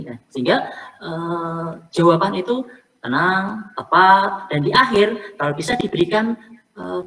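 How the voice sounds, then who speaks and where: A woman coaching teachers for selection interviews, explaining in a casual way and repeating her key points. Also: fairly low pitch. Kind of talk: online coaching session talk. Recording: faint noise, somewhat distant from the mic.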